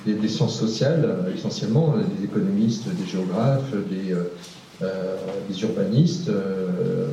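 A man's voice: sits low, unhurried, dark tone, slight background noise. Hesitant man speaking in an echoey room. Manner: hesitant, many fillers and repeated words. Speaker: researcher. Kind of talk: panel discussion answer. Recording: distant, echoey, dull room recording.

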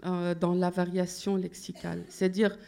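Gravelly-voiced woman lecturing on linguistics. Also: fairly low pitch, little pitch movement, moderate pace, dark tone. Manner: explanatory, thinks aloud while searching for terms.

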